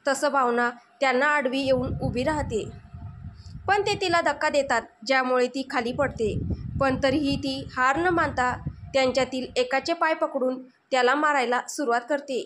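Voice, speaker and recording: High-voiced woman narrating a story. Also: moderate pace, a bit bright, slight background noise.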